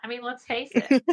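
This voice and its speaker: Chatty middle-aged woman, softly trailing off. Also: on the high side. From Belgium. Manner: chatty, laughs easily, trails off softly at phrase ends. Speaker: podcast guest, book marketing expert. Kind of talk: casual interview chat.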